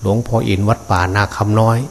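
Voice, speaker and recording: A man's voice: fairly low pitch, little pitch movement, fast talker. An older man, a Buddhist monk, giving a fatherly Dharma sermon with frequent hesitant fillers, speaking to his listeners as his children and grandchildren.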